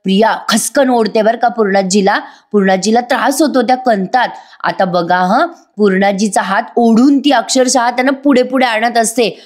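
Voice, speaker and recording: A woman's voice: on the high side, moderate pace, darkish tone. Woman doing a chatty voice-over recap of a tv serial, speaks right to her viewers. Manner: chatty, addresses viewers directly. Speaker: TV serial reviewer. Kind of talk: casual voice-over episode review.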